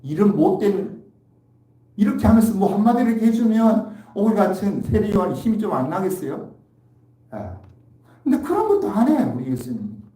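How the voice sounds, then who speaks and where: A man preaching a Sunday sermon as pastor. He talks in a lively way, acts out the voices he quotes, and keeps asking the congregation questions. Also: high-pitched, brisk. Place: church sanctuary. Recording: echoey hall, mic from far off.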